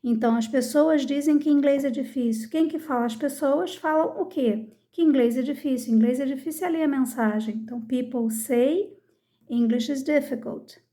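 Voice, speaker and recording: A woman's voice: sits high, a little fast, hardly any pauses, dark tone. A woman teaching English in a video lesson, explaining step by step and checking in with her viewers.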